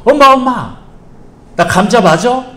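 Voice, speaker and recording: A man's voice: very high-pitched, expressive, a little slow, a bit bright, pitched above the performer's own voice, exaggerated voice. A man doing a whiny little potato boy. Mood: pleading, upset. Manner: whiny, pleading cries. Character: upset little boy potato, teased and confused. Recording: echoey church hall.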